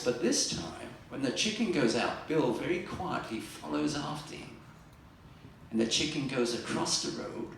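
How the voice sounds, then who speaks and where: Older man telling jokes, gravelly. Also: mid-range voice. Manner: dry joke-telling with pauses and fillers. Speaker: stand-up comedian. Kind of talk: stand-up comedy at a live event. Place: library fundraiser event room. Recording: echoey room from far off, noisy.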